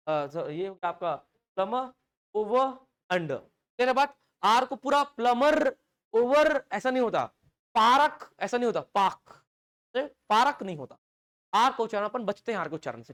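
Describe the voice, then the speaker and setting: A man's voice: sits high, fairly bright tone. A male teacher with a Chhattisgarh Hindi accent gives a live online English class. He drills pronunciation and keeps asking the students to answer him and repeat after him.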